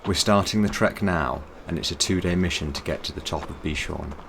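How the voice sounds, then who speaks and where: Male vlog narrator, very low voice, scripted travelogue read over background noise. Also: fairly quick, creaky, a bit bright.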